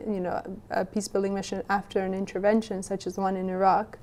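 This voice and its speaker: Thoughtful young woman, mellow. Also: mid-range voice, little pitch movement, fast, slight background noise. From Western Bosnia. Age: young adult. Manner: thoughtful, many restarts and "you know". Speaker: guest. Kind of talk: interview answers.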